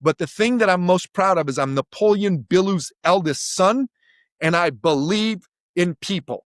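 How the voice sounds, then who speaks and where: A middle-aged man from Iran tells his story with the sweep of a speaker on stage, building every point toward a big finish. His voice sits a little high for a man. It sounds dry and close, with no room around it. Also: lively intonation, moderate pace, dry recording. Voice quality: emphatic, orator-like delivery. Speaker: podcast guest. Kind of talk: impassioned storytelling.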